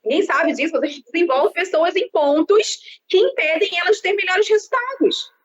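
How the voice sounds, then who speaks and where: A woman's voice: very high voice, fairly quick. A woman in her thirties with a Brazilian Portuguese accent, a sales and marketing consultant speaking in an expansive, outgoing way as a guest on a live-streamed interview. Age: 30s. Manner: expansive, lively, self-described outgoing talker. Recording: dull lo-fi sound with faint background noise.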